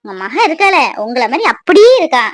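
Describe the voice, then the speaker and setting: A complaining young mother from a cartoon, voiced by a woman. Her high, whiny voice keeps nagging and scolding, and the recording is dry and close with no room sound. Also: sing-song, fast talker, no room sound. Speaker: mother of a crying baby.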